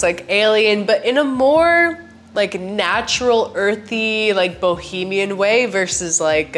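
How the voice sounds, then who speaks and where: A woman's voice: mid-range voice, a bit bright. A woman with a congested, sick-sounding voice giving a chatty perfume review on her channel, often saying "like". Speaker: fragrance reviewer. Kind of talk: casual product review.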